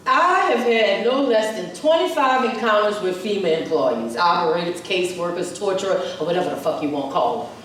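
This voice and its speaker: A woman's voice: on the low side, lively intonation, fairly quick, hardly any pauses, fairly bright tone, slight background noise. Woman playing a cursing New woman. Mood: defiant. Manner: profane, scornful, emphatic. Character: furious foul-mouthed New Orleans woman, defiant. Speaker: stage actor. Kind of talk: theatrical monologue. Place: theater stage. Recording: echoey stage from a distant mic.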